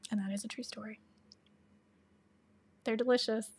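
A chatty woman with a Tennessee Southern accent hosts a casual livestream and answers viewer questions. She laughs often and slips into soft asides. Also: a little high, fairly even intonation, normal speed, slightly rough. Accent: Southern American (Tennessee).

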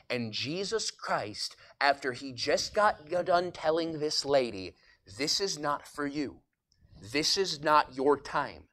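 A man with a high-pitched voice leads a Bible lesson in a church classroom. He talks in a conversational, emphatic way, reads scripture aloud and then retells it in everyday words. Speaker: Bible institute teacher.

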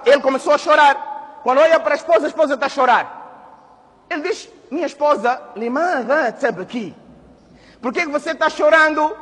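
A man preaching a Friday mosque sermon, swinging from loud exhortation to hushed storytelling and reciting Arabic verses. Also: extremely high pitch. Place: mosque hall. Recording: reverberant mosque hall.

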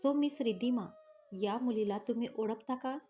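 A woman's voice: on the high side, moderate pace, warm tone, soft background music, lightly acted. Brief: stern young boss man, read by a woman in her own voice, commanding, storybook reading. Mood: angry.

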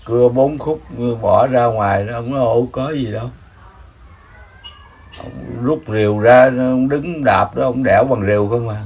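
An older man with a Southern Vietnamese accent, telling old village stories in a rambling, animated way, chuckling now and then. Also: medium pitch, normal speed, hardly any pauses, husky. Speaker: elder storyteller. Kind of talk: casual storytelling.

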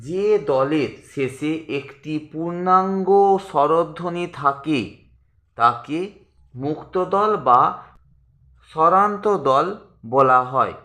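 Slow, bright-voiced male teacher. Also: fairly high pitch, roomy sound. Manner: slow, drawn-out pronunciation of example words; addresses students as friends. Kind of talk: grammar lesson.

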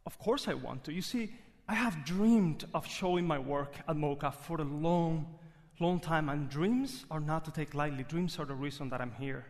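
A man's voice: a little high, moderate pace. A man with a Cuban Spanish accent telling a personal story live on stage, earnest and reflective. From Cuba. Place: theater stage. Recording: live theater hall reverb.

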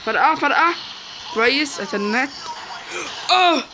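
A man with an Egyptian Arabic accent giving excitable live gameplay commentary, repeating words in quick bursts. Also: very high-pitched, noisy background. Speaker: gaming YouTuber.

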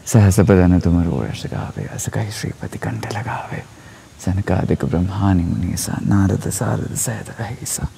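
A young man recites in a slow, hushed, often half-whispered voice that sits low and gravelly. His tone is dark and mellow, with a faint hiss of outdoor noise behind it. He speaks into an earphone mic out in a forest. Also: big pitch swings. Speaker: spoken word performer. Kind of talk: soft spoken-word devotional recitation. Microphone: wired earphone mic, phone at arm's length.

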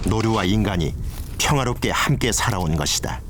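A man's voice: fairly low pitch, lively intonation, fairly quick, heavy background noise. A man reading scripted narration for a nature documentary as its narrator.

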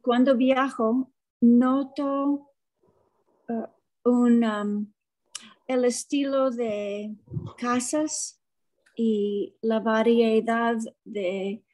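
Hesitant woman student, very slow. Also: a little high, steady tone, darkish tone, rough recording. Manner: hesitant learner, slow and searching for words. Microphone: video call.

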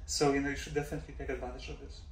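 A professor in his forties, raised in Denmark, races through thoughtful interview answers in a medium-pitched voice with little pitch movement, dropping many fillers and "right?" checks. The indoor office setting and far camera mic add roomy echo and a faint hum.

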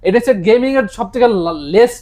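A high-voiced man with a Bangladeshi Bengali accent sells used phones at a rapid clip. He rattles off memory sizes and offer prices one after another in a brisk sales pitch. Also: crowd noise. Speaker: phone shop seller.

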